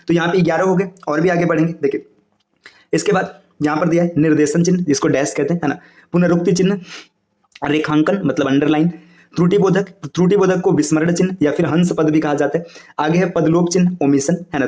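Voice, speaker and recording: A man teaching Hindi grammar for exam coaching, explaining fast and checking in with "है ना" and "देखिए". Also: fairly high pitch, steady tone, a little mellow, reverberant.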